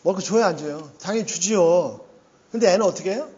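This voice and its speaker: A man preaching a sermon, animated and conversational, often affirming himself with "yes.". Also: high-pitched, quick pace, muffled recording. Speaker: pastor.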